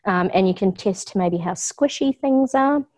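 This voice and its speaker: This middle-aged woman speaks with a New Zealand accent, her medium-pitched voice lively in intonation yet measured in pace, with a slightly dark tone. She's in an office kitchen giving a relaxed community talk on food science, chatting away, laughing readily and filling it with ums.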